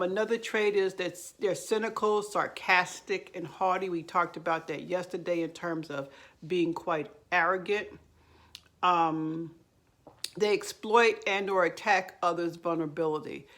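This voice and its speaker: A woman giving earnest, explanatory counseling advice straight to camera, pausing on fillers and restarting her sentences. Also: on the low side. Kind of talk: direct-to-camera advice talk.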